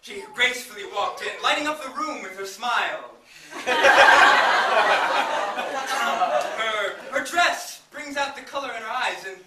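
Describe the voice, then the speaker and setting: A young man narrating a live stage comedy in a mock-dramatic way, at times shouting protests at the characters. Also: extremely high pitch, lively intonation, normal speed, crowd noise. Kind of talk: comic improv narration. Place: theater stage with a live audience. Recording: echoey stage from far off, noisy, laughing audience.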